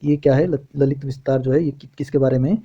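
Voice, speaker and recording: A male teacher lecturing from notes, halting and often restarting words, mixing Hindi and English. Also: mid-range voice, fairly even intonation, warm tone, husky, dull audio. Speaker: exam coaching teacher.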